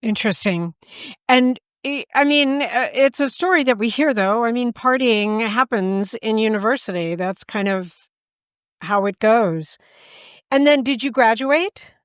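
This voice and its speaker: A woman's voice: on the high side, a little slow, smooth, no room sound, studio quality. A woman hosting a podcast, asking questions in a loose conversational way with trailing fillers. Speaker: podcast host. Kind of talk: casual interview.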